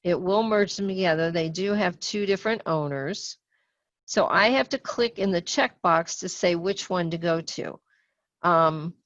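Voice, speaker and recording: A software trainer leads a screen-share webinar tutorial, walking viewers through each step patiently and slowly, with many pauses and small fillers. Her voice is fairly low, and the audio is dry and slightly dull, typical of webinars, with no room sound at all.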